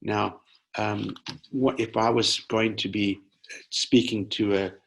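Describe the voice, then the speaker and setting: A man with a gravelly, fry-laden voice that sits fairly low, answering questions in an online webinar. He is from Zimbabwe and talks in a hesitant way, stopping and restarting his sentences. It sounds like a video call. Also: level tone, takes it slowly. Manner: hesitant, many restarts and fillers. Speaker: webinar presenter.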